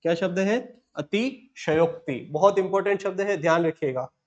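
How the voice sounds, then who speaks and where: Guy with a high voice teaching hindi grammar, keeps repeating each word slow for notes, kinda dull lo-fi sound. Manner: repetitive, asks and answers himself, slow dictation. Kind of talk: classroom lesson dictating words.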